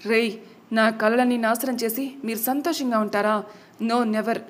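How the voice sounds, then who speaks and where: A woman's voice: a little high, fairly even intonation, measured pace, natural voice. A woman voicing a scheming, greedy young woman villain who taunts and threatens. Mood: vengeful. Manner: taunting, spiteful.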